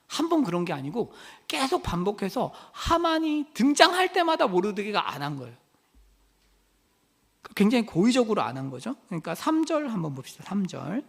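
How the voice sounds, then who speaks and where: A male pastor giving a casual Bible study sermon, his voice rising and falling in an animated way. He talks in a chatty manner, acting out small exchanges and questioning the people in front of him. A long reverb trails behind him in the church hall. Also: high voice. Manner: chatty, acts out little dialogues and asks the listeners questions.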